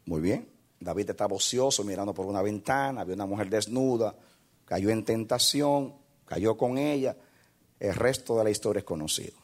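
A male pastor preaching a sermon with impassioned delivery, swinging from hushed passages to shouting. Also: lowish voice, normal speed.

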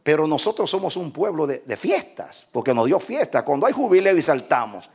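A man preaching a sermon, swinging from shouted praise to hushed prayer. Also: a little high, sing-song, fairly quick, breathy edge.

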